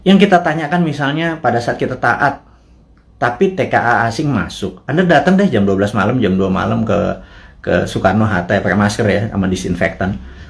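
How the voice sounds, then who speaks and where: A man hosts a live show, giving a political commentary monologue in a mid-range, gravelly voice at a fairly quick pace. He fires off impassioned rhetorical questions and drops colloquial asides.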